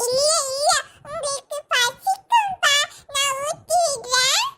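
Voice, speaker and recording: A woman's voice: very high-pitched, animated, takes it slowly, bright, forceful tone, exaggerated voice. A woman voicing a sweet, earnest little boy in a cartoon, speaking tearfully and coaxing his father.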